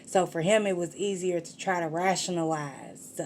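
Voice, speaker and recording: A woman's voice: on the low side, fairly even intonation, moderate pace, heavy background noise. A woman giving a casual tarot reading, talking straight to the viewer in slangy, profane street talk. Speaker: tarot reader.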